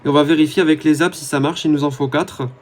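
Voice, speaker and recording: A man's voice: a little high, fairly even intonation, fast talker. A man giving casual, rambling commentary over his own gameplay, talking to his viewers with many hesitant fillers. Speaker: gaming YouTuber.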